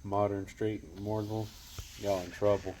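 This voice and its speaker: Brief: man, very low voice, blunt racer, plainspoken, faint background hiss. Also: little pitch movement, moderate pace, darkish tone. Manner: blunt, confident, lots of "I mean". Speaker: drag racer. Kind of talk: casual post-race chat.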